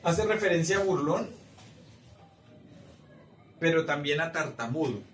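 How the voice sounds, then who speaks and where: In a church meeting room, a man with a slightly high, animated voice teaches scripture to a small congregation, speaking a little slowly. He frequently asks the room whether they follow and agree; the sound is roomy, with a distant mic and slight background noise.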